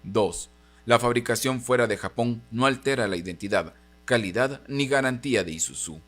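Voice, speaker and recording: A man reading a scripted corporate statement as a spokesman, in a formal, measured manner. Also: mid-range voice, fairly bright tone.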